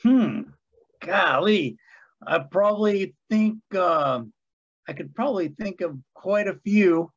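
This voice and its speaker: A man's voice: high-pitched, animated, slow, breathy edge, muffled recording. A man in his fifties, an author guest, telling stories in a folksy, easygoing way with hesitant fillers. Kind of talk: casual interview chat.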